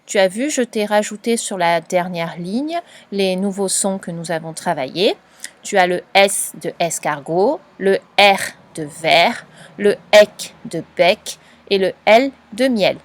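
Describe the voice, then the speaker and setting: A woman teacher talks a young pupil through a dictation, unhurried and patient. She stretches each syllable and spells letters one by one. Her pitch sits at an ordinary middle height for a woman. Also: animated. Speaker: primary school teacher.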